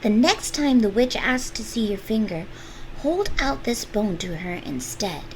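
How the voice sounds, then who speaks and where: A woman voicing a sweet, polite young girl in a storybook read-aloud, high and pleading. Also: animated, measured pace, noisy background. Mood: urgent.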